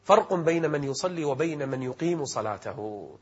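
A man with a fairly high, husky voice delivers a religious sermon in formal standard Arabic. His delivery is emphatic and rhetorical, with classical diction. The recording sounds dull and a little muffled. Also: expressive, moderate pace. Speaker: Islamic preacher presenting a religious programme.

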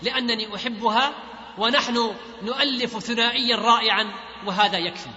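A carefree, boastful young husband, voiced by a man reading his lines. The voice is very high and bright. It echoes in a hall on a dull lo-fi recording. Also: fairly quick, a little hiss or hum, full character voice. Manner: declaiming, read out plainly.

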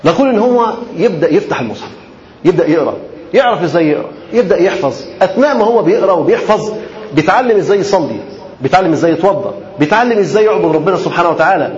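A man's voice: high voice, animated, rapid-fire, darkish tone. A man with an Egyptian accent preaching a sermon, talking in colloquial, repetitive, emphatic phrases and mixing in formal Arabic. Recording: muffled, roomy lecture recording.

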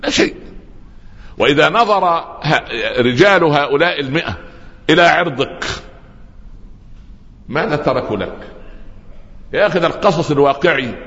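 A man's voice: medium pitch, a bit bright. A male preacher with an Egyptian accent giving a sermon, moving between colloquial storytelling and formal recitation. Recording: dull, hall reverb.

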